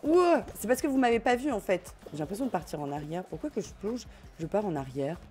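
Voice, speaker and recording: A young woman streaming a party game, commenting in an excitable, laughing, self-mocking way. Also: medium pitch, a little fast. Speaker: gaming streamer. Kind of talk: live let's play commentary. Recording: faint game music behind.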